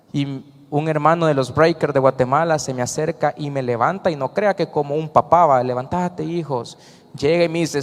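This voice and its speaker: A man with a Salvadoran accent giving an earnest personal testimony to a congregation, telling his story with acted-out quotes. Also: a little high. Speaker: church member giving testimony. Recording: reverberant church hall.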